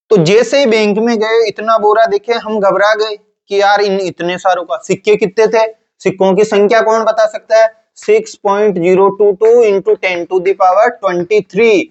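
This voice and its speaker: Man, teacher, high voice, classroom lecture, asks and answers own questions, casual, dull lo-fi recording. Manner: asks questions and answers them himself in a low voice; casual, repetitive explaining.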